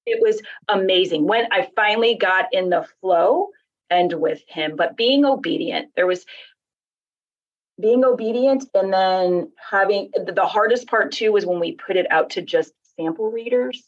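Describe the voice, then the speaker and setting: A woman's voice: fairly low pitch, measured pace, dull audio. A woman, an author guest, telling her story in casual faith-based conversation and acting out the voices of people she quotes.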